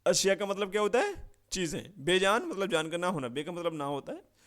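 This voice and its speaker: Male teacher for an exam-prep lesson, high-pitched, crisp, resonant delivery, constant check-ins with the class. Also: big pitch swings, fairly bright tone. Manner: drills with constant "right?" check-ins and rhetorical questions; reads out word lists slowly. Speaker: Urdu grammar teacher.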